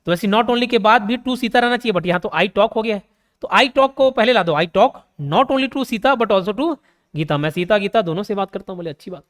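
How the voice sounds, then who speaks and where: A man's voice: high-pitched, normal speed, fairly bright tone, in a large hall. A man with a Chhattisgarh Hindi accent teaching a grammar class, explaining step by step and asking and answering his own questions. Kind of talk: grammar lesson.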